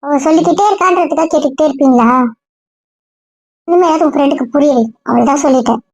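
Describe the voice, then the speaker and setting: A blunt young woman friend, played by an actress, who lectures in a sharp, rapid-fire way. Her voice sits very high and races along. The recording is dry and a little dull. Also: dry recording. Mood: scolding. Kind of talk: web drama acting.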